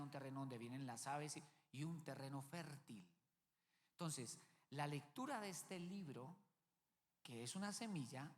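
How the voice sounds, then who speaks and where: A man's voice: high-pitched, fairly bright tone. A man preaching a sermon as pastor, emphatic, repeating key words and checking in with the congregation. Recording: long reverb of a large hall.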